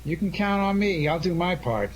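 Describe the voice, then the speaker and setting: In a faintly noisy 1940s-style radio drama, a man plays a genial, gallant adventurer detective who is easily charmed. His high voice has lively intonation at a moderate pace, and he sounds affable, playful and charmed.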